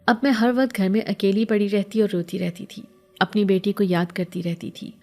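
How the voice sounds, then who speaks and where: A woman narrating a first-person horror story in a steady, sorrowful storytelling manner. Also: medium pitch.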